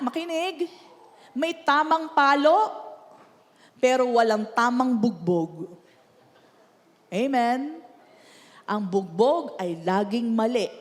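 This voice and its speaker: Filipino woman pastor, fairly high voice, animated and chatty sermon, long hall echo. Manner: animated, chatty, laughs often, asks Amen. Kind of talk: sermon mixing Tagalog and English.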